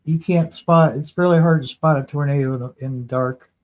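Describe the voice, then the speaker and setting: This Ohio man has a fairly high, fairly even voice and talks fairly quickly, though the recording is muffled. He tells casual anecdotes in a rambling, folksy style, circling back over his phrases.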